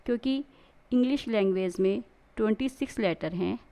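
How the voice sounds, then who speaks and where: A woman's voice: mid-range voice, moderate pace, vocal fry, mellow. A woman teaching a video lesson, explaining in a repetitive way and speaking straight to her students. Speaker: English teacher. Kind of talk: classroom-style video lesson.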